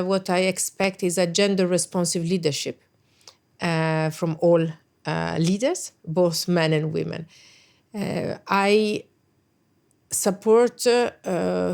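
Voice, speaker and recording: Speaking English with a lowish, darkish voice and vocal fry, this middle-aged woman from Italy is a NATO special representative appearing as a guest. Her native language is Italian, and she answers the interview questions thoughtfully, often hesitating and restarting.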